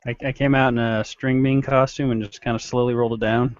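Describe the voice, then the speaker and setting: A man's voice: mid-range voice, little pitch movement, fast talker, dull audio, crowd noise. A man leading a casual group chat, putting questions to others with joking banter.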